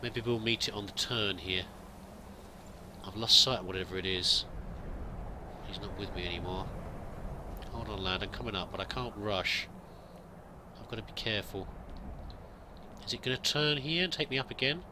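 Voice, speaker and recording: Speaking at normal speed with a fairly low pitch, this man leaves long pauses as he thinks aloud. He's a let's play gamer roleplaying a pilgrim, and his in-character gameplay commentary is musing, hesitant, and riddled with restarts. Background noise can be heard.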